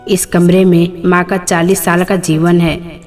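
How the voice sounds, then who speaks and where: A woman's voice: fairly low pitch, little pitch movement, a little slow, a little mellow, soft background music, lightly acted. A woman voicing an indignant grown daughter who scolds her brothers. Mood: angry.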